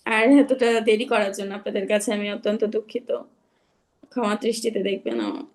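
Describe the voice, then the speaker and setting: With a medium-pitched, animated voice of darkish tone, a young woman leads an online Quran recitation class despite being ill. She repeats each rule slowly and patiently, confirming her students follow along.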